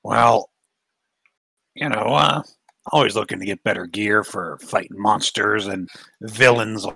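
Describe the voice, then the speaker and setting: A man's voice: on the low side, creaky, sharp tone, slightly rough, no room sound. A man playing a tabletop role-playing game, chatting in a rambling way full of "you know" fillers. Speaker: player. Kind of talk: casual tabletop game play.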